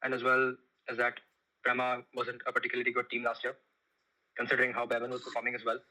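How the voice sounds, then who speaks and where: 17 yo mumbai racer, flat very bright voice, calm. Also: male voice, mid-range voice, quick pace, rough recording. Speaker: racing driver, podcast guest.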